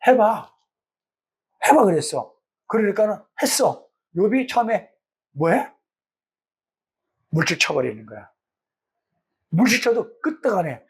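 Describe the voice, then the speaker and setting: A man's voice: high voice, big pitch swings, unhurried, pauses often, breathy edge. A middle-aged man, a pastor teaching a Bible study in a colloquial way, acting out the voices he quotes.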